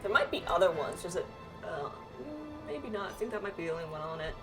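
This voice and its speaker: Very animated and brisk, a woman with a fairly low voice streams a game playthrough with friends while game music plays. She casually reads the quest text aloud and mutters asides to herself along the way.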